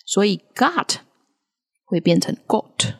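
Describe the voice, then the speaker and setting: A woman co-hosting a casual podcast lesson, modelling English words slowly between frequent laughs. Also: fairly low pitch, expressive, gravelly, a little mellow, husky. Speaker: podcast co-host teaching English accents. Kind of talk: casual language-lesson chat.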